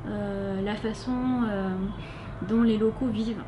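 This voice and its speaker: A young woman from France, interviewed as a volunteer, speaks slowly with a medium pitch and flat delivery. Her French-accented answers come casually and hesitantly, full of filler sounds, against a noisy hiss in the background.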